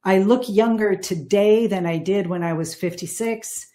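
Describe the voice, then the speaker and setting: Slow-spoken woman in her sixties. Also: mid-range voice, dark tone. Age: 60s. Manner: earnest and emphatic, repeating key words. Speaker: podcast guest. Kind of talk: casual interview talk.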